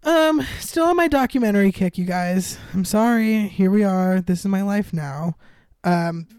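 A woman's voice: mid-range voice, expressive, moderate pace, darkish tone, clear, resonant tone, no room sound, clean studio sound. Opinionated woman co-hosting a podcast. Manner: opinionated, dramatic, laughs often. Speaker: podcast co-host. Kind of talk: casual chat.

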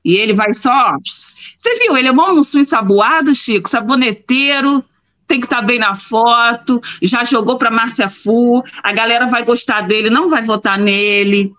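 A woman's voice: fairly high pitch, normal speed, a bit bright. A woman commenting on a live show in casual chat, emphatic and repeating herself for effect.

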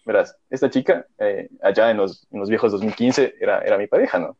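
A man's voice: fairly low pitch, a little fast, darkish tone, slight background noise. A young man, telling a story in casual chat, rambling and full of slang and fillers. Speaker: podcast co-host. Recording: dull lo-fi audio.

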